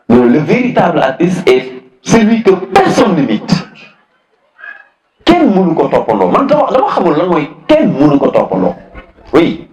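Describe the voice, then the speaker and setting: A man's voice: on the high side, echoey room, poor audio. A man teaching a philosophy class, repeating key phrases, questioning students and switching between French and Wolof. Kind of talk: classroom lesson.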